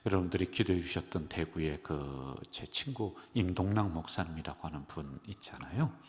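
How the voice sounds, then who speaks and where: A middle-aged man preaching in a church, his voice worn and subdued, leaping up to loud cries and dropping to near-whispers. His pitch swings widely as he talks. The sanctuary rings with a long, trailing reverb. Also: expressive, normal speed. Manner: emotional, swinging from loud exclamations to hushed whispers. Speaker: senior pastor. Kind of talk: sermon at a midweek prayer service.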